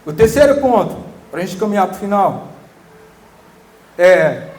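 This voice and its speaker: A pastor in his thirties, preaching earnestly and emphatically, dropping to soft tender tones at times. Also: high voice, big pitch swings, unhurried. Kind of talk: sermon.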